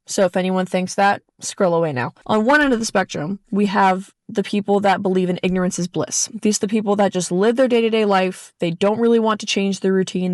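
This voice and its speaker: A young woman hosts her own podcast in a loose, chatty solo style, wandering into quick asides and correcting herself as she goes. She sits close to the mic, and the recording is dry, with no room sound around her voice. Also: medium pitch, no echo. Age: young adult. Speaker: podcast host. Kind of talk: casual solo podcast talk.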